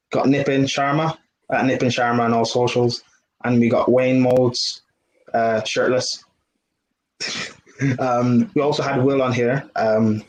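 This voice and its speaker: A man's voice: mid-range voice, poor audio. A man hosting a football podcast, introducing the panel and reading viewer comments with lots of ums. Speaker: host.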